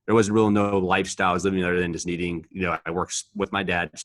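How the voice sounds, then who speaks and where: Low-voiced man telling gym stories. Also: flat delivery, rapid-fire, no echo. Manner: profane, rambling storytelling. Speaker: podcast co-host, powerlifter. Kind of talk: casual chat.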